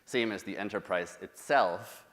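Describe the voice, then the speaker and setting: A German-accented man in his thirties addresses a conference crowd in a big hall where a long reverb rings around him. His fairly low voice has a fairly bright tone, and he speaks a little slowly and loosely, with fillers and restarts, in a conference talk.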